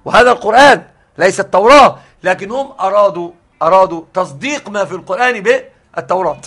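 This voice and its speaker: Guy teaching a religious lesson, fast talker, keeps restarting and repeating words. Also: high voice, expressive, fairly bright tone. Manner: halting, repeats words often. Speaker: sheikh teaching hadith.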